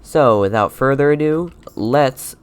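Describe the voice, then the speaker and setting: A young man with a congested voice from a mild fever talks through his building project in a loose, rambling way, full of little fillers. His tone is smooth and clean at an ordinary pitch, and he sounds relaxed and easygoing. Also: a little slow. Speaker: Minecraft YouTuber. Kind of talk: casual gameplay commentary.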